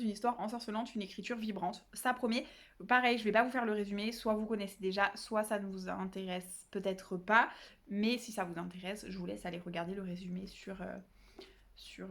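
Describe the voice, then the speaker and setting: A woman's voice: medium pitch, fairly bright tone. A young woman booktuber chatting casually about her reading pile, self-deprecating and full of fillers. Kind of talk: casual book haul chat.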